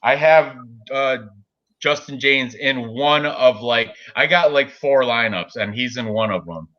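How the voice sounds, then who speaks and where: A man in his forties hosts a casual sports betting podcast, speaking unhurriedly at a medium pitch through dull audio. He rambles, fills gaps with fillers, and laughs often.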